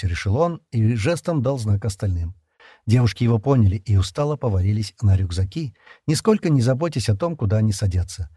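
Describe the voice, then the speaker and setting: A man narrating an audiobook chapter in a measured storytelling manner. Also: on the low side, dark tone, slightly rough, no room sound, studio quality. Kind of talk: scripted narration.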